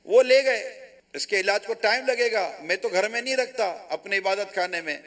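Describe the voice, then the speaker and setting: A Pakistani man gives a sermon as a religious scholar, with a fairly high voice. He tells a moral story and brings it to life by acting out the characters' dialogue. His telling is lively. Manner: animated storytelling with quoted dialogue.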